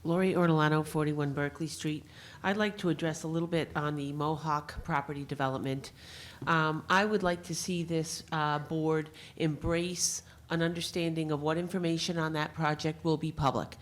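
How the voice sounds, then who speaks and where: A woman's voice: deep voice, steady tone, moderate pace. A woman giving an insistent, pointed public comment at a city board meeting. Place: city council meeting room.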